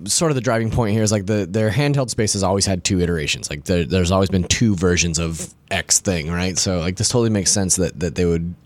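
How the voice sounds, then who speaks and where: A man with a low voice chats easily on a podcast panel. He agrees often and explains his points casually. The recording is dry and close. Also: brisk, few pauses, dry recording. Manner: easygoing, agreeing, conversational. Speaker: podcast co-host.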